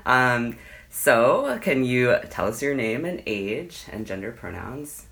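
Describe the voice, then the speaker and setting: A man conducting an oral history interview in an apartment, asking questions in a soft, tentative way. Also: mid-range voice, sing-song, slow, vocal fry.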